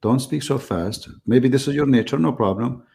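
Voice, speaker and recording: A man's voice: medium pitch, normal speed, creaky, mellow, a little hiss or hum. A man with an Arabic accent hosts a heated live-stream debate, repeating himself and talking over the caller. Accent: Middle Eastern Arabic. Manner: repetitive, interrupting, emphatic.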